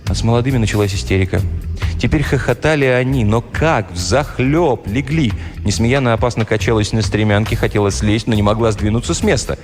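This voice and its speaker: A man narrating an audiobook in a lively, playful storytelling manner. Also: fairly low pitch, brisk, soft background music.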